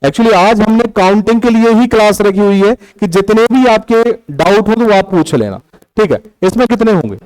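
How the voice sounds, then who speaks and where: A young man teaches a class, patient and methodical, counting out syllables one by one as he explains. His voice sits high for a man. The sound is dry and close, with little room echo. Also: lively intonation, normal speed, a little mellow. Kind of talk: classroom lecture on Hindi prosody.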